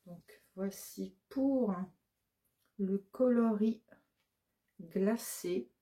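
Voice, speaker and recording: A woman presenting her shop's new yarn colors in a relaxed show-and-tell. She talks slowly and hesitantly, listing shade after shade with plenty of fillers, in a dark, mellow voice at a middle pitch. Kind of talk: casual product show-and-tell.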